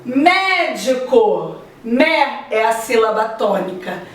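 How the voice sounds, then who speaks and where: A woman teacher gives a slow, deliberate grammar lesson and stretches out her example words. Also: sits high, expressive, fairly bright tone, distant mic. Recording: echoey room, voice off-mic.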